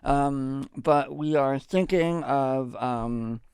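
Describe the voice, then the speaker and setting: A man's voice: medium pitch, extremely slow, darkish tone, clear, resonant tone, dry recording, studio quality. A man chatting as a podcast guest about his upcoming film, talking hesitantly with many ums and restarts. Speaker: guest filmmaker. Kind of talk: casual podcast chat. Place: podcast studio.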